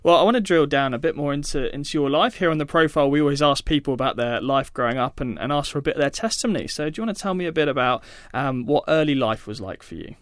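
British male interviewer, fairly high voice. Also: fast talker, few pauses, no echo, studio quality. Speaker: interview show host. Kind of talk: conversational interviewing.

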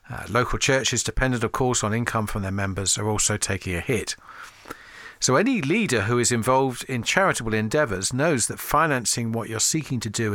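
A man hosts a radio interview with a polished presenter delivery. His voice is bright and forward, and the recording is close and dry. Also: fairly low pitch, no room sound. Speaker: radio show host.

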